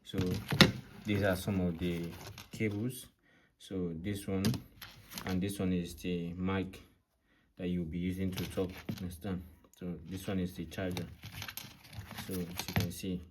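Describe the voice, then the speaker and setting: A deep-voiced man runs through an unscripted product demonstration as a tutorial presenter, explaining step by step and repeating himself. He often checks that viewers are following with short questions, over a noisy background.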